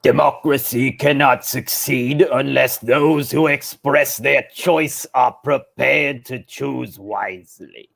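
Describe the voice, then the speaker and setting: A man voicing a scheming old emperor villain, reading lines slowly. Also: mid-range voice, vocal fry, fairly bright tone, full character voice. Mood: sinister.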